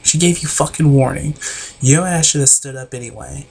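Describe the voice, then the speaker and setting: A man's voice: fairly high pitch, fairly even intonation, moderate pace, vocal fry, darkish tone, a little hiss or hum. Blunt, profane man recapping a show. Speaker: reality TV recapper.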